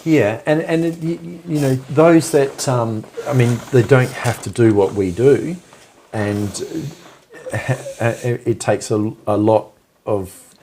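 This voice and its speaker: A man hosting a casual live stream chat, talking in a halting way full of ums and restarts. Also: mid-range voice, dark tone, slight background noise.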